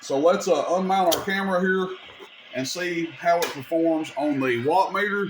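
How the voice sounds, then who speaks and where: A radio repair video host demonstrates his gear hands-on, walking through each step in a casual, folksy way. His voice leans high and his pace is moderate, with noticeable background noise.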